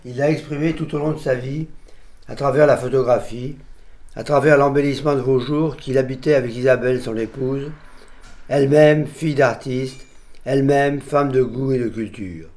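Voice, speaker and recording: Older man, eulogist, measured and solemn, mid-pitched voice. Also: darkish tone. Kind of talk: funeral eulogy read aloud.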